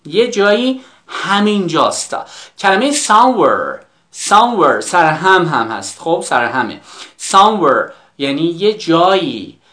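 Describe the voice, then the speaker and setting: Lively teacher running a live online lesson. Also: mid-range voice. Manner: explains quickly, then says English phrases slowly and spells them out. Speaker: English teacher.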